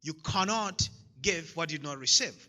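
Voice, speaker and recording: This recording, soaked in long hall reverb, captures a motivational speaker from Zambia. His voice is a little high, bright, and forceful, animated at a moderate pace. He speaks emphatically to his audience, repeats key lines, and keeps laughing at his own jokes.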